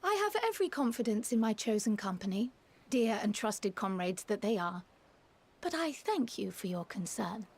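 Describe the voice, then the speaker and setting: A woman's voice: mid-range voice, big pitch swings, moderate pace, husky. A woman voicing a composed, courteous and loyal female leader in a video game, speaking politely and formally. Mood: firm, courteous. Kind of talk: scripted video game acting.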